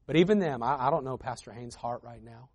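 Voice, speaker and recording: A man preaching a sermon as a guest preacher, moving between quiet intimate lines and loud emphatic builds, reading scripture aloud. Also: mid-range voice, brisk, breathy edge. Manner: reads scripture aloud between conversational asides.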